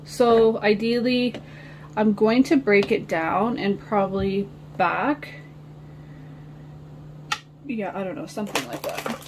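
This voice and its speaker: A woman's voice: mid-range voice, fairly even intonation, takes it slowly, long pauses, background noise. A woman vlogging casually while she organizes her nail studio, rambling and talking to her viewers. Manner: rambling, chatty, talks to viewers as guys. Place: home nail studio, sitting on the floor.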